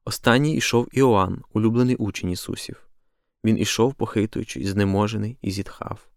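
A man reading a literary story aloud in a steady, expressive way. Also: on the low side, normal speed, dry recording, studio quality. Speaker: reader.

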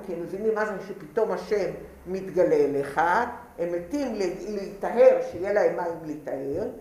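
A woman teaching a Torah class, lively and repeating key points as she questions the students. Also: fairly low pitch. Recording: roomy echo, faint background noise.

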